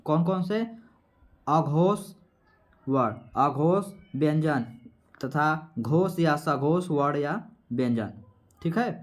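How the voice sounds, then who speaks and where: Man quizzing himself through a lesson. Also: on the high side. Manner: repetitive, quizzing, asks and answers himself; sounds out letters slowly. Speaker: teacher. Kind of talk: exam-prep grammar lesson.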